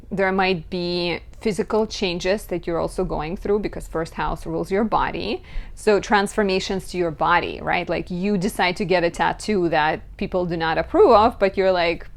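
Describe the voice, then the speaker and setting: A woman astrologer giving a chatty, lively horoscope talk, often saying "like". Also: on the low side.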